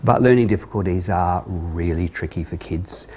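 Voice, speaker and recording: A middle-aged man presents a parenting workshop, his voice very low and husky. He explains earnestly and leans on his key points. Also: normal speed, darkish tone. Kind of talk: workshop talk to an audience.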